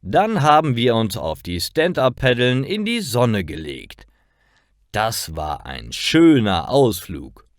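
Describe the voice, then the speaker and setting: A man reading stories aloud for language learners in a slow, clear, expressive way. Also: mid-range voice, no room sound, studio quality. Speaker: narrator.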